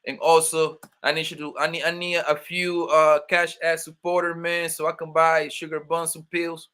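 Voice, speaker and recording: A young man from Brooklyn, New York, born in Colombia, hosts a relaxed livestream in a New York accent, cracking loose jokes and addressing chat viewers by name. His voice is fairly high, level, pushed, bright, and smooth, at a moderate pace.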